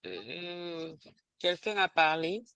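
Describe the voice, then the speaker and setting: A man's voice: on the high side, sing-song, extremely slow, pushed and bright, clear, resonant tone, no echo. A man leading an online training session, explaining a keyboard step by step, hesitant with many restarts and fillers. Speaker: language trainer.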